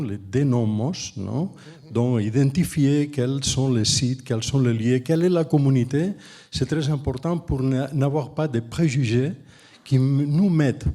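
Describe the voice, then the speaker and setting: A man from Spain with a Spanish accent, a non-native speaker giving an unscripted conference talk as an urban planner, halting and emphatic, often repeating words. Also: mid-range voice, dark tone. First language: Spanish or Catalan.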